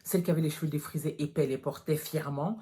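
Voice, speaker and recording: A woman's voice: sits low, steady tone, fast, warm tone. A woman in her thirties from France, talking to her viewers in a casual vlog, frank and direct, calling them girls. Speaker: natural hair vlogger.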